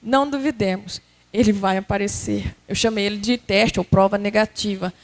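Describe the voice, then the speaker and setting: A woman with a Brazilian Portuguese accent giving a spiritist talk, telling stories lively and acting out everyday scenes. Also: mid-range voice, moderate pace. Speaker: spiritist lecturer.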